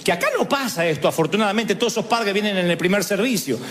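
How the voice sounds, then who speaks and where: A man, a pastor preaching a sermon at a church service, telling jokes and stories in an animated way. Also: high-pitched, fast talker, a little hiss or hum. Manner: animated, joking storytelling. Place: church service before a congregation. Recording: long reverb in a large hall.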